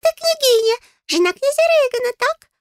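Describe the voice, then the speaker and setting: A woman voicing a tiny male fairy in an audiobook, squeaky, pompous and greedy, with a bossy, indignant manner. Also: expressive, moderate pace, no echo, clean studio sound. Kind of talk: audiobook character voice.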